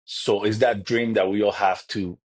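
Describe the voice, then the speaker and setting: Talking earnestly in a relaxed podcast interview, this Cuban guest keeps stopping and restarting his sentences. His voice is on the low side with a steady tone.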